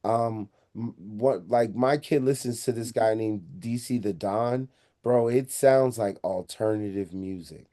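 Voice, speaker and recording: A middle-aged man co-hosting a casual podcast chat, laid-back and joking, with drawn-out slang riffs. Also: lowish voice, warm tone. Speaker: podcast co-host.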